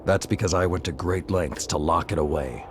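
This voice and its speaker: An actor playing a stern old warrior lord in a video game, commanding and deliberate in manner. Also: male voice, low voice, close to an everyday voice. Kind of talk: cinematic video game acting. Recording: loud music under the voice. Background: loud game score.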